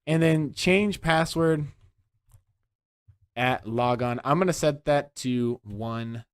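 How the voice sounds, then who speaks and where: A man walking through a software tutorial step by step, often checking in with "okay?". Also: on the high side, slow, clean tone, no room sound, studio quality. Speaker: tech instructor. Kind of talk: screen-recorded software tutorial.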